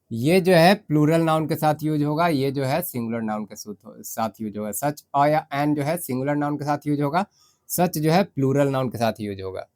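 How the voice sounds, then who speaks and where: A man with an Indian accent gives a step-by-step grammar lesson, his voice sitting a little high. He slows right down to read each English example sentence aloud, then explains it in Hindi. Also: a little mellow.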